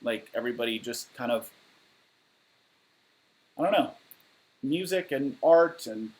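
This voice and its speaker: A man's voice: mid-range voice, expressive, a little slow, darkish tone, poor audio. Chatty man answering fan questions at home. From Southern California. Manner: candid, matter-of-fact, rambling with fillers. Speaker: musician livestreaming Q&A. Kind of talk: casual livestream Q&A, reading viewer questions. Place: living room at home, indoors. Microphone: webcam or laptop mic at desk.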